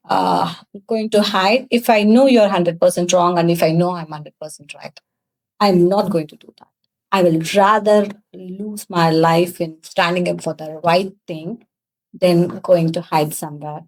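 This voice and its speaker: A woman's voice: on the low side, normal speed, gravelly, darkish tone, rough recording. A woman from South India, a native Tamil speaker with a thick South Indian accent, answering interview questions in an earnest, emphatic way. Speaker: interview guest, cosmetics business founder.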